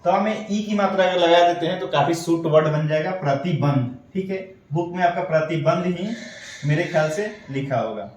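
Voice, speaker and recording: A man teaching an online steno class, slowly spelling out letters and signs one by one. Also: fairly high pitch. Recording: echoey dull room audio, mic far off.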